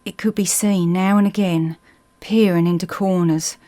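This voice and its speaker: A woman with a Suffolk accent reading a ghost story as scripted narration in a measured storytelling manner. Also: on the low side, fairly even intonation, mellow.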